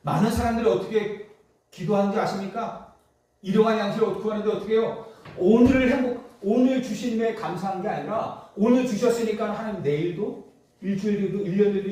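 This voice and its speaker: A man's voice: high-pitched, a little fast, dark tone. A male pastor delivering a sermon, pressing the congregation with rhetorical questions and emphatic repetition. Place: church sanctuary. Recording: echoey church hall, distant mic.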